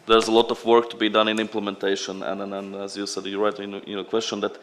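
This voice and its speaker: Lower-voiced man. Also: monotone, fast talker, a bit bright. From Latvia. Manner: loose, unscripted delivery. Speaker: program representative at a conference. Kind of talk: conference presentation.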